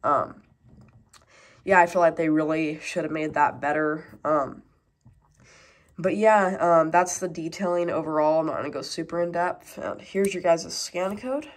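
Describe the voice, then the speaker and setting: Speaking low and unhurried, a woman with a blocked-up cold reviews a toy in a casual, rambling way, packed with fillers. She fiddles with the toys as she goes, and a camera mic picks her up at a tabletop.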